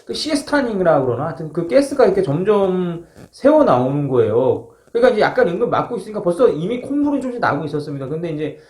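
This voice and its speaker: In a roomy, echoing space, a man tells a casual first-person story as a former marine, speaking quickly in a high voice with hardly any pauses. He's animated, acting out shouts and closing his sentences with polite, formal endings.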